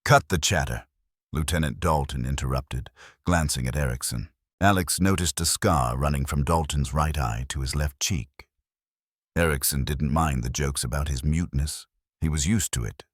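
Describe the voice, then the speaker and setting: A man narrating a dark fantasy audiobook in a steady, measured storytelling manner. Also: extremely low pitch, breathy edge, no echo, clean studio sound.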